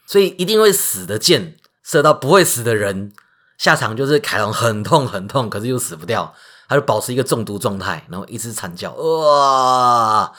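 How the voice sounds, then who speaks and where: A man with a Taiwanese Mandarin accent, hosting a podcast and retelling myths in a lively, joking way. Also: on the low side, brisk. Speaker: podcast host. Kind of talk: casual storytelling podcast.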